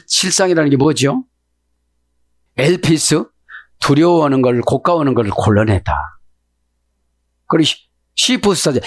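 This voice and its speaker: A male pastor preaching a sermon that explains the Hebrew text, who keeps prodding his listeners with quick questions. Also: mid-range voice, dry recording, clean studio sound.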